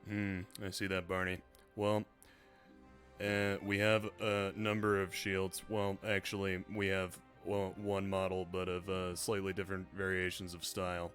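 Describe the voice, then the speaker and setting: Man as a very low-voiced, bland cat shopkeeper. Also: measured pace, soft background music. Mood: hesitant selling. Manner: monotone, hesitant salesman patter. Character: bland, earnest male cat shop employee.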